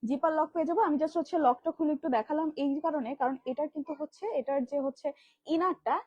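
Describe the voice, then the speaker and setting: High, rapid-fire woman selling live. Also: fairly even intonation, warm tone, no echo. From Bangladesh. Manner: rapid, filler-heavy sales patter. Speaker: live sales host. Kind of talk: live product demo selling kids' dresses. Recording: dull lo-fi livestream audio.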